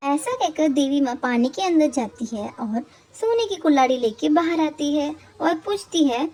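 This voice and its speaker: Woman storyteller, cartoon fable narration, steady and plain, high voice. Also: normal speed.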